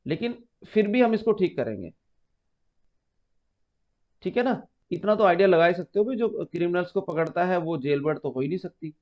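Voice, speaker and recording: A man teaching an exam-prep grammar lesson, patiently explaining step by step, repeating key terms and calling students "beta.". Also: high-pitched. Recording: muffled lo-fi recording.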